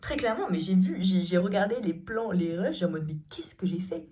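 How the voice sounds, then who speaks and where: A woman's voice: fairly low pitch, animated, brisk, mellow. A young woman vlogging in casual, rambling chat, laughing often, with a starting cold. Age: young adult. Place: hotel room. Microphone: phone camera.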